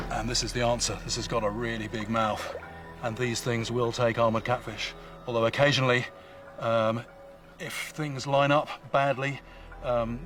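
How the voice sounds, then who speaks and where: A man presents unscripted from a riverside in a medium-pitched voice. He explains and muses aloud, repeating phrases for emphasis. Music is clearly audible behind him. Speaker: angler presenting a wildlife show. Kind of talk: unscripted on-location presenting to camera. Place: outdoors on location at a river.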